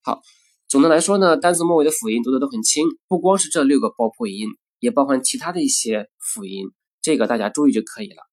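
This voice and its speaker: A man with a mid-range, somewhat dark-toned voice teaches pronunciation in a recorded lesson. He says each example word slowly and carefully, repeating it with deliberate precision.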